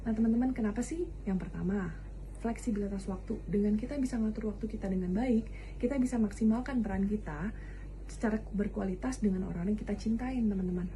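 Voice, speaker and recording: A woman's voice: medium pitch, fairly quick, mellow, a little hiss or hum. A woman in her thirties giving an upbeat recruiting testimonial, listing her reasons one by one. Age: 30s. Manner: enthusiastic, listing reasons with "nah". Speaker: insurance agent giving a testimonial.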